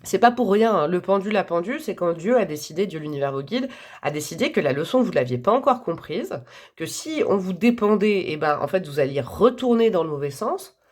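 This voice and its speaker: A woman's voice: lowish voice, lively intonation, brisk, darkish tone. Chatty woman giving a tarot reading. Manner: chatty, enthusiastic, thinks aloud with many fillers. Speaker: tarot reader. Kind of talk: casual tarot reading to camera.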